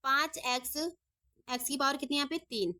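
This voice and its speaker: Woman maths tutor, slightly high voice, patient, asks and answers her own questions. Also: moderate pace, pushed and bright. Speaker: maths teacher. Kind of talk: step-by-step lesson.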